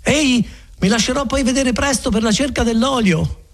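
A man voicing a chatty, kindly friar who talks in a garrulous, folksy, self-assured way, with a husky voice. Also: very high-pitched, normal speed, pitched above the performer's own voice. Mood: reassuring.

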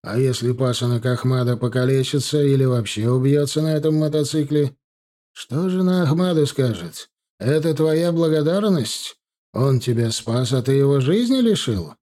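A man's voice: mid-range voice, animated, moderate pace, dark tone, voice pushed up, natural voice. A man reading a stern older uncle. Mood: reproachful.

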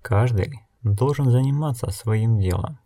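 Brief: steady blind wanderer woman, read by a man with a lowish voice, measured and calm.

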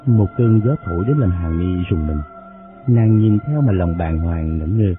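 A man reading a novel aloud in steady, measured narration. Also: deep voice. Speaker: audiobook narrator. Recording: phone-like sound, faint music.

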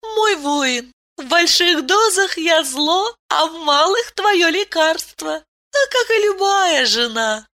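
A tender, teasing otherworldly wife speaks in a high, lilting audiobook voice, put on by a woman narrator. Her cooing lines wander widely in pitch and move slowly. The tone stays bright and clear. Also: animated, full character voice. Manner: soft cooing, playful. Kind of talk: audiobook character reading.

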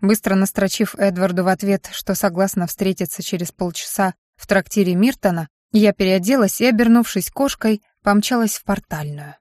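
A woman's voice: mid-range voice, moderate pace, few pauses, a little mellow, dry recording, studio quality. Woman narrating a fantasy audiobook. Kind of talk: scripted narration.

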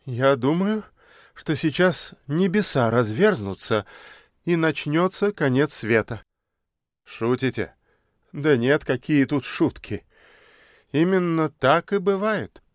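A man voicing an awed bearded professor who muses gravely, in a story reading. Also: on the high side, animated, slow, dry recording, clean studio sound.

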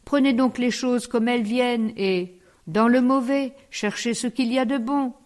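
A woman doing a gentle old country priest. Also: fairly high pitch, steady tone, natural voice. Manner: soft, mild and unhurried.

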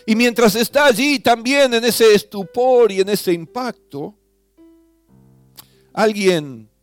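A man with a high voice leads a devotional meditation, speaking straight to the listener in earnest questions. He swells louder on key words and drops to a hush at the end of phrases, while a guitar plays faintly underneath. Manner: swells loud on key phrases, drops soft at line ends. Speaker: preacher. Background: soft guitar music.

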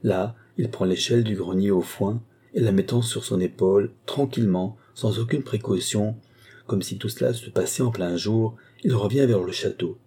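In a lowish, warm, slightly rough voice at normal speed, a man brings an audiobook valet to life. This adult servant is sly, verbose and deferential, holding forth at length with ceremony.

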